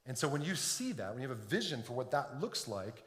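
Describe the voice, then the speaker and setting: This pastor, a middle-aged Detroit man, preaches fairly quickly with big swings in his medium-pitched, fairly bright voice. Earnest and repetitive as he drives a point home, he's recorded in a church sanctuary full of long, echoing reverb.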